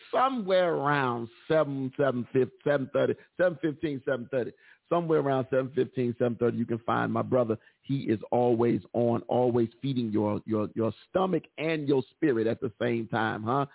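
A male radio host works through his show plugs in a mid-pitched voice. He repeats each phrase for emphasis like a hype man and drops in folksy church-style asides. The sound is dry and narrow, much like a phone line. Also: no echo. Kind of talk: live call-in radio show promo patter.

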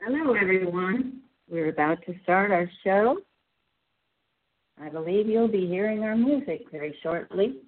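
Woman host on speakerphone: muffled, tinny phone line, slow relaxed greetings. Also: medium pitch. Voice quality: a little muffled. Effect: on speakerphone, talking into a phone. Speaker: show host. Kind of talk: casual opening of a call-in radio show.

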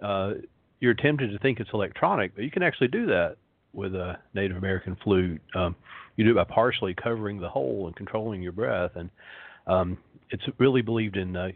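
Soothing, slow hypnotist-voiced man, low and resonant. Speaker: show host. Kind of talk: rambling talk show monologue. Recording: phone-like internet radio line, roomy echo.

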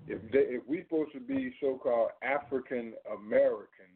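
A male host leading a talk radio discussion, asking pointed questions and repeating key phrases deliberately. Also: medium pitch, fairly even intonation. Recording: tinny, noisy phone-like line.

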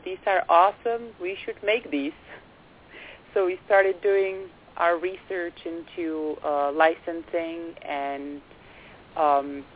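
A young woman from the Czech Republic with a Czech accent, a quiet, soft-spoken guest on a radio interview who hesitates often with fillers. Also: low-pitched. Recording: phone-like band, faint hiss.

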